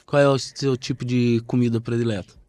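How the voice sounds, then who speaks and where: A man's voice: mid-range voice, level tone, brisk, a little mellow. A man hosting a podcast, chatting in a friendly way with his guest. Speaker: podcast host. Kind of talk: casual interview chat.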